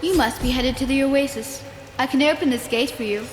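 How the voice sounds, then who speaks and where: An actress voicing an anxious young boy emperor in a video game cutscene, hurried and secretive. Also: high-pitched, music in the background, lightly acted. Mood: urgent. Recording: roomy echo.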